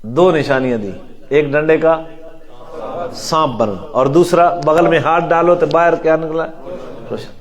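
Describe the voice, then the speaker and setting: A middle-aged male preacher in a mosque, teaching a Quran lesson with a Pakistani Urdu accent. He swings from loud, emphatic calls to soft, low asides, chants Arabic verses slowly and puts questions to his listeners.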